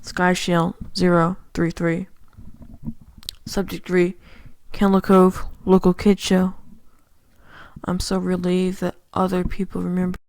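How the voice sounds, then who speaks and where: A woman reading a horror story aloud, sometimes dropping into a hush on the eerie lines. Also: fairly low pitch, completely flat delivery, slow, pauses often, no echo, low-quality recording. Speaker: reader. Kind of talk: scripted horror narration.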